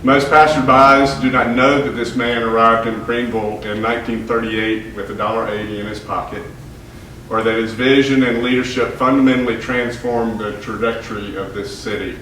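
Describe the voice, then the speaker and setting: A man's voice: medium pitch, level tone, a bit bright. Man lecturing in an echoey hall. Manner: halting with fillers, then reading prepared text. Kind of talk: public history lecture. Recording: echoey hall, distant mic, faint noise.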